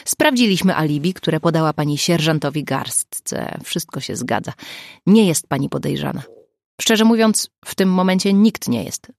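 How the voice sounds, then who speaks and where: Woman reading grumpy tight-fisted cop, gravelly voice, dry close sound. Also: low voice, animated, moderate pace, a little mellow, no room sound. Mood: calm. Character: grumpy stingy male police detective.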